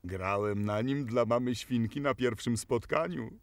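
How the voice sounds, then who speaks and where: A man's voice: medium pitch, unhurried, music in the background, close to an everyday voice. A man voicing a cheerful, overconfident father pig in a dubbed cartoon, with a jolly, boastful manner.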